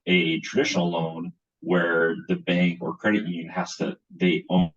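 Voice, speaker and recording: A man with a very deep voice explains lending on a webinar panel. His video call audio is dull and lo-fi, and it keeps breaking up, clipping the ends of his words. He talks haltingly and restarts his sentences. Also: husky. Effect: choppy audio cutting out, clipped word endings. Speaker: bank lender on a panel.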